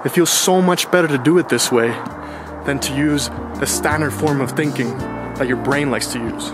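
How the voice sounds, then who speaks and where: Over loud music, a man in his thirties delivers a chatty, slangy vlog monologue at a normal pace in a medium-pitched voice. He sounds relaxed, drifting into casual asides.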